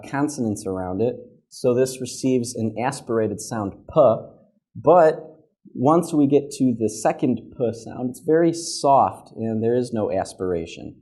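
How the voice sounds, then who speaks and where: A young man with a mellow, husky, mid-range voice teaches English pronunciation at a classroom whiteboard. He speaks patiently, repeating each model word several times.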